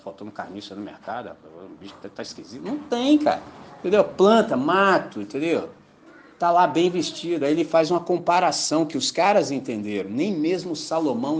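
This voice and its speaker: A man preaching an informal, joking sermon, often checking that his listeners follow. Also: sits high. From Brazil. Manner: colloquial, jokey, keeps asking "entendeu?". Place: mission gathering.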